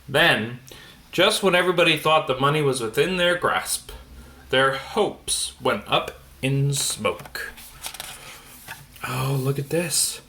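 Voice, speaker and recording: Reading a children's picture book aloud at bedtime, a man stumbles occasionally and throws in casual comments about the pictures. His voice is on the high side and a bit bright, with slight background noise.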